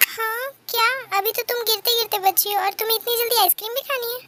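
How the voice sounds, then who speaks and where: A woman's voice: very high-pitched, fairly even intonation, fast, heavy background noise. A woman voicing a protective, jealous young man in a fan-dub love story, pleading and scolding.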